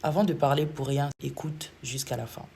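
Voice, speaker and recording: A woman's voice: sits low, fairly even intonation, normal speed, gravelly, darkish tone, slight background noise. A young woman, giving a personal faith testimony in an earnest storytelling way. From Congo.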